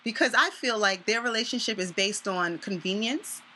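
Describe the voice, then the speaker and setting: A woman hosting a casual talk show, blunt and opinionated, speaking in an animated way. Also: medium pitch, moderate pace, slight background noise. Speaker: podcast host. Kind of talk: casual chat.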